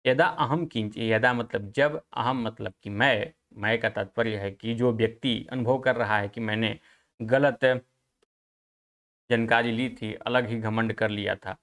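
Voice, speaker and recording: A man's voice: medium pitch, steady tone, a bit bright. Man teaching Sanskrit verses, Hindi accent. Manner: chants Sanskrit verses slowly, then explains quickly in Hindi. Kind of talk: exam-prep lecture explaining verses.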